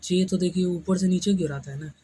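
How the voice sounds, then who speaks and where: A man's voice: sits high, steady tone, fairly quick, dark tone, slight background noise, low-quality recording. A man teaching shorthand step by step, patient and repetitive, often checking in with his listeners. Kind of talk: step-by-step lesson explanation.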